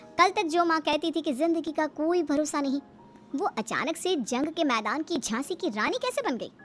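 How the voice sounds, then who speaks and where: A woman's voice: high voice, lively intonation, moderate pace, a bit bright, faint music behind. Dramatic woman cartoon narrator. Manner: dramatic, storytelling. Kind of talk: scripted storytelling narration.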